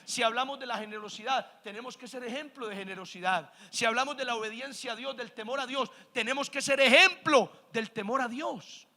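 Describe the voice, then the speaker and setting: A pastor preaching with a very high, bright voice, pressing the congregation for amens. His emphatic sermon rings out with a long reverb through a church hall. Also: a little fast, hardly any pauses. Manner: emphatic, calls the congregation to answer amen.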